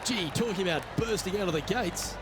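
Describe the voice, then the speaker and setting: A man's voice: high voice, fairly quick, a loud crowd, heavy background noise. A man giving golf commentary as the lead announcer of a tournament.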